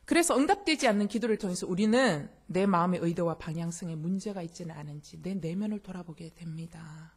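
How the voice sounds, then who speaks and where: A woman's voice: on the low side, lively intonation, a little fast, few pauses, breathy edge. A woman pastor preaching a sermon, emphatic and speaking straight to her congregation with questions. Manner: addresses listeners directly and often.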